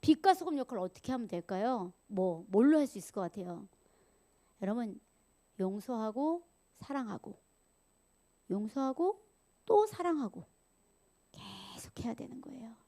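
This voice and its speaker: A woman evangelist preaching a sermon, animated, acting out angry voices and dropping to whispers. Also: on the high side, normal speed, long pauses. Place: church sanctuary.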